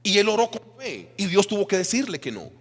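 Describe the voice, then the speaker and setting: A man's voice: sits high, very animated, brisk, a bit bright, slightly rough. A male pastor from Colombia with a Colombian Spanish accent, preaching a sermon and putting rhetorical questions to his congregation. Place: church hall. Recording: reverberant church hall.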